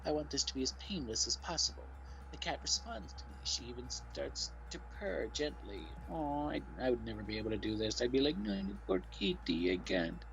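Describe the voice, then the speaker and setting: A man's voice: mid-range voice, brisk, creaky, fairly bright tone, slight background noise. A man streaming a game, reading its story text aloud and cooing at the cats on screen. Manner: coos and talks baby-talk to the cats. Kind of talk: reading a visual novel aloud with banter. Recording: dull lo-fi with faint music.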